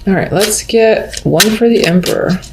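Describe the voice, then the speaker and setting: A woman's voice: medium pitch, moderate pace. A woman giving an unscripted mystical tarot horoscope reading, musing and thinking aloud as she addresses the listener. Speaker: tarot reader. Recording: roomy echo, background noise, faint clicks.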